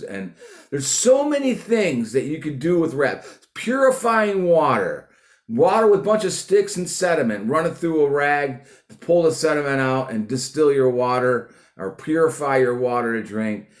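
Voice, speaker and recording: A man from the United States hosting a casual news and opinion monologue for preppers, halting as he repeats and rephrases himself. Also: fairly high pitch, roomy sound. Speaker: host of a prepper news channel.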